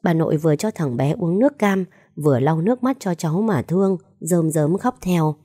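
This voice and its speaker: Warm low-voiced woman narrating a story. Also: dry recording, clean studio sound. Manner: steady, measured storytelling.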